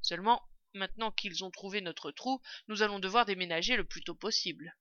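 A woman voicing a brave male fox father in a storybook reading, urgent and shouting when alarmed. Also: medium pitch, a little fast, dry recording, muffled recording, lightly acted. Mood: musing.

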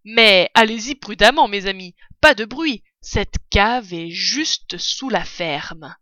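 A woman's voice: mid-range voice, animated, slow pace, sharp tone, no room sound. A woman voicing a sly, confident male fox, a father who leads the others. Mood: pleased. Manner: smooth, commanding. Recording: dull, dry recording.

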